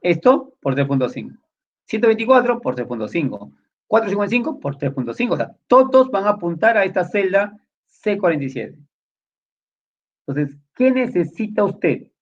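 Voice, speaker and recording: A man teaching a spreadsheet class, explaining lively and voicing his students' questions in rhetorical asides. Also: sits high, normal speed. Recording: dull lo-fi recording.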